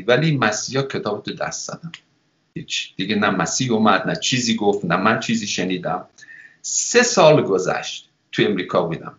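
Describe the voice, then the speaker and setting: A man's voice: medium pitch, a bit bright, reverberant, highs cut off. A man from Iran giving a personal conversion testimony as a guest speaker, talking conversationally and acting out remembered conversations. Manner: conversational storytelling, acts out remembered dialogue. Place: church.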